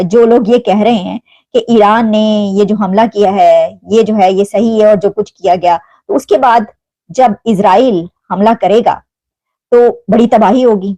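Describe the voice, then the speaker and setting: A woman's voice: on the high side, warm tone, dry recording. A woman giving news commentary in a conversational way, asking rhetorical questions and dropping in English phrases.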